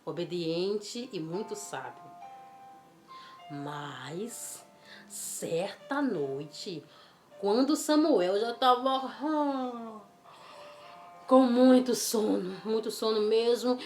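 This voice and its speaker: Woman storyteller, animated and coaxing, fairly high voice, roomy echo, faint music bed. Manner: animated, coaxing, asks the child questions. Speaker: children's Bible storyteller. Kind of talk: storytelling for children.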